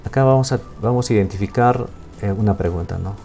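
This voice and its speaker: A man teaching a Quechua language lesson in Spanish with a Peruvian accent, explaining slowly and checking in often with "¿no?" and "¿sí?". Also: on the low side, vocal fry, mellow, faint music behind. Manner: slow, explaining with frequent "¿no?" and "¿sí?" checks.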